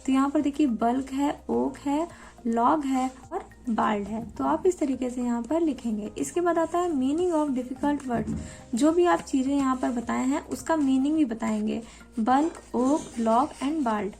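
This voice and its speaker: High, gravelly-voiced young woman teacher. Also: a little mellow. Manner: explanatory, addresses viewers directly; reads quoted English lines slowly and deliberately. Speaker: teacher-training student explaining a lesson plan. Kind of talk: spoken tutorial walkthrough.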